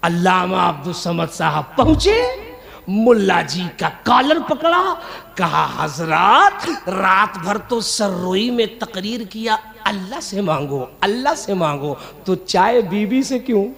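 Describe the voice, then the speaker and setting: A man giving a sermon to a crowd, telling stories with mocking humor and often shouting. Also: high voice, very animated, measured pace, creaky. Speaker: Islamic preacher.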